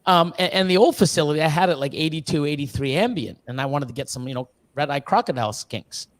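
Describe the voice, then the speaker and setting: On a casual live stream from a reptile facility in Ontario, a guest who breeds ball pythons talks fast in a fairly high voice with no echo. He rambles about breeding reptiles, heavy on fillers and restarts, dropping the odd curse.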